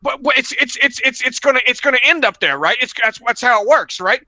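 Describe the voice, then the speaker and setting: A man's voice: very high voice, fast talker, sharp tone, no room sound, heavily acted. A man voicing a rambling, stammering middle-aged caller with a who keeps repeating his words. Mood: frantic, rambling. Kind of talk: comic impression in a podcast story.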